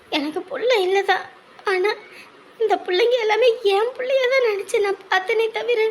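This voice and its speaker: An actress playing a tearful widow who pleads with her relatives in a family drama. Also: extremely high pitch.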